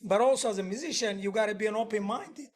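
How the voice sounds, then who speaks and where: Speaking quickly in a high voice, a man who performs and teaches music rambles earnestly through a casual workshop. His grammar is loose, and he keeps starting sentences over.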